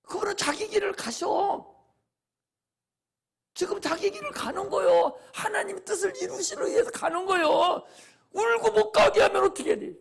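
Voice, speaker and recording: Man playing a pastor with a very high, gravelly voice, impassioned sermon, swings from loud exhortation to hushed asides. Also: moderate pace. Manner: repetitive preaching cadence.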